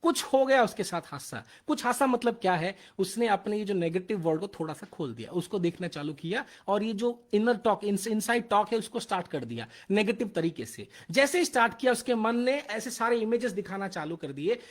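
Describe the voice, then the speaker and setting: On a live motivational stream, a man speaks earnestly, switching between Hindi and Indian-accented English and repeating his points. His voice is high with lively intonation, and he talks a little fast with hardly any pauses.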